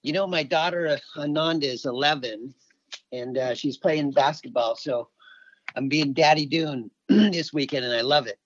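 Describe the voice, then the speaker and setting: This Alaskan man, middle-aged and an environmental activist, speaks as an interview guest in a conversational way. His pitch is fairly high and a bit bright, his pace moderate. The audio is dry, lo-fi, and slightly dull.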